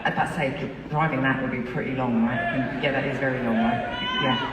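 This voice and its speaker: A woman's voice: extremely low pitch, fairly even intonation, quick pace, lo-fi sound, heavy background noise. A woman singer bantering with her audience on stage, chatty, cheeky and often giggling. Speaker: singer performing a concert. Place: large indoor concert venue. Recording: distant echoey arena recording, loud crowd.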